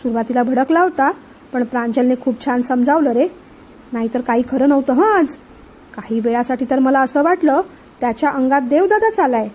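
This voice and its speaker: A woman's voice: high voice, brisk, darkish tone, slight background noise, natural voice. A woman reading the part of a young woman reassuringly chatting on the phone.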